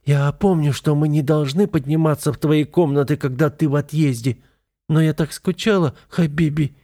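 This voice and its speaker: A man's voice: a little high, fairly even intonation, moderate pace, mellow, pitched above the performer's own voice, lightly acted. A man reading an audiobook, voicing a jealous young wife who pleads in a trembling half-whisper. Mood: pleading.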